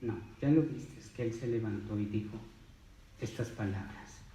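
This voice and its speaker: Male preacher, mellow tone, emphatic, rhetorical, roomy echo. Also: fairly low pitch, normal speed, distant mic. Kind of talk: sermon.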